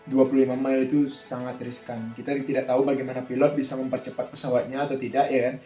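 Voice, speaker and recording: Speaking fast with a flat delivery, this man has a mellow, mid-range voice. As an air traffic controller presenting a tutorial, he keeps it informal and explanatory, thinking aloud through questions he raises and answers. Background music and room echo are audible.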